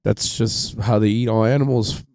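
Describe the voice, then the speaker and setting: Gravelly low-voiced man, rambling story. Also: fairly even intonation, normal speed, darkish tone, no room sound, studio quality. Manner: rambling, profane, lots of fillers. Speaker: podcast host. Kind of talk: casual storytelling.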